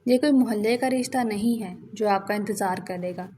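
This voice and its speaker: Storybook role: woman reads a bossy, scheming young wife. Commanding and pushy, with a warm, low-key voice. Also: a little hiss or hum, natural voice. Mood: insistent.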